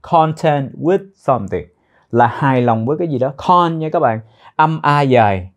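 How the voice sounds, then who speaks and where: A man's voice: fairly high pitch, animated, moderate pace, lo-fi sound. A male teacher explaining and repeating English phrases one by one, drilling their pronunciation and meaning.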